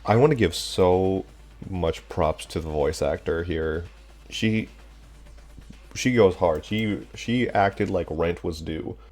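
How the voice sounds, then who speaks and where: A man's voice: deep voice, slow pace, a little mellow, faint music behind. Young man, let's play host, jokey, irreverent, casual commentary.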